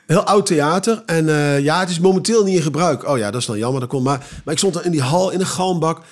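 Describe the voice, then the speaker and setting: A man who performs cabaret, telling rambling, animated anecdotes with many restarts in a casual podcast interview. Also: a little high, fast talker.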